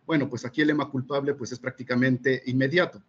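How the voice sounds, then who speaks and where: A man, a physics teacher presenting at a seminar, measured and full of fillers and checking questions. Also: medium pitch, steady tone, husky, dull audio. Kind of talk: explanatory academic presentation.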